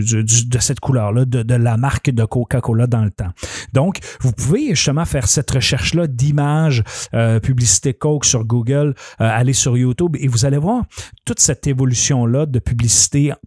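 A man's voice: medium pitch, normal speed, dark tone, breathy edge, no echo. Man talking casually about advertising, dry sound. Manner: conversational, many fillers and restarts, addresses listeners directly. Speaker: commentator on advertising. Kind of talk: casual spoken commentary.

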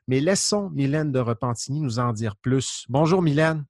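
A man, hosting a podcast and introducing his guest in a friendly, lively way. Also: medium pitch, normal speed, dry recording, clean studio sound. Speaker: podcast host. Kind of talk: podcast interview.

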